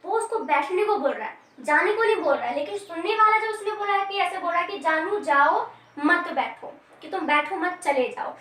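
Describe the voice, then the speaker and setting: High-voiced woman teaching grammar from afar. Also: fairly bright tone. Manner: repeats phrases, many fillers and check-ins. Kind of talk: explaining to video viewers. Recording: echoey room, from a distance.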